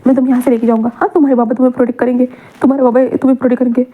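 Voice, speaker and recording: A woman's voice: high-pitched, little pitch movement, very fast. A woman voicing a frantic father who urgently repeats himself to protect his child. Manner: urgent, repetitive. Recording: tinny phone-like audio.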